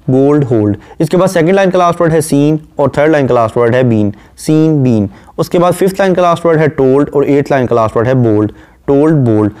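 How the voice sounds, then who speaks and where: A man with an Urdu-inflected Hindustani accent giving a classroom lecture on poetry, quoting lines slowly and then explaining them. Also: fairly high pitch, darkish tone, smooth. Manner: explains line by line, quotes slowly then paraphrases; rapid listing during rhyme scheme drills. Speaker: literature lecturer.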